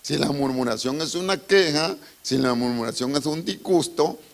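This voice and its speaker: A man's voice: medium pitch, normal speed, creaky. A male pastor, preaching a dramatic storytelling sermon and calling his listeners brother.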